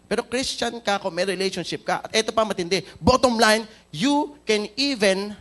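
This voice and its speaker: Preaching in church, a Filipino man with a high voice and fairly bright tone speaks at a moderate pace. The pastor tells a story, asks the crowd questions, and alternates between Tagalog and English.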